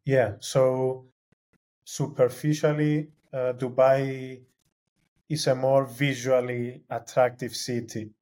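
A young Cypriot man, a film graduate whose first language is Greek, answers interview questions as a guest, hesitating with many fillers and restarts. His mid-range voice is level and darkish in tone, and he speaks slowly.

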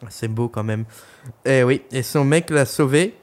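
A man's voice: medium pitch, unhurried. Young man joking through an album review. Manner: joking, crude, rambling with many fillers. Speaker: podcast co-host reviewing an album. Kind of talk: casual chat.

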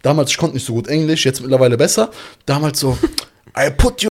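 A man's voice: medium pitch, brisk, very noisy. A young man as a guest in a casual chat, telling a story in slangy street talk and laughing along. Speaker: podcast guest.

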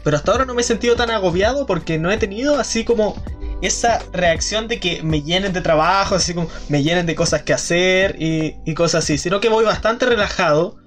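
Chilean guy hosting a podcast, kinda high voice, lots of ums and restarts, bit of music in the back. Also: brisk, fairly bright tone. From Aysén region, southern Chile. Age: young adult. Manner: rambling, many fillers and restarts. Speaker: podcast host, student. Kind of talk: casual podcast chat.

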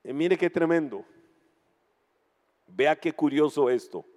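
Costa Rican pastor preaching in a hall. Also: male voice, fairly high pitch, expressive, slow pace. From Costa Rica. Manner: dramatic, shifts between quiet talk and shouted passages. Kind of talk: sermon.

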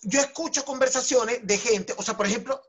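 A man with a Venezuelan Spanish accent telling a story in a casual chat with friends, slangy and animated. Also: extremely high pitch, a little fast, a crowd in the background.

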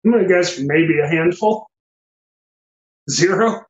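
A man's voice: high voice, measured pace, reverberant, dull audio. A man, a massage therapist, chatting easily as a guest on a podcast. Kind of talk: casual podcast conversation.

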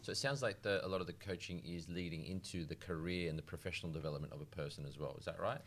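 A man hosting a podcast interview, easygoing and quick with short replies. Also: low-pitched, a bit bright, slight background noise. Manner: easygoing, lots of short backchannels. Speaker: podcast host.

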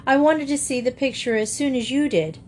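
A nervous, tearful little girl with a wailing, high voice, as a woman reader puts her on. She sounds miserable and frightened in this storybook reading. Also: fairly quick, slight background noise, lightly acted. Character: timid tearful young girl.

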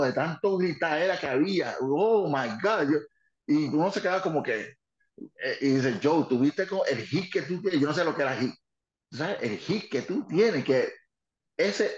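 An older man, a former wrestling manager telling lively stories and slipping English phrases into his talk. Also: on the high side. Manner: lively, mixes in English phrases, many restarts. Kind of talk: animated anecdote telling. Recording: dull, roomy recording.

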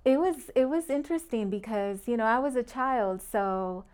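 A woman's voice: a little high, normal speed, darkish tone, clear, resonant tone. A middle-aged woman from Puerto Rico, a real estate agent guest talking earnestly and in detail in a casual interview, often laughing between points.

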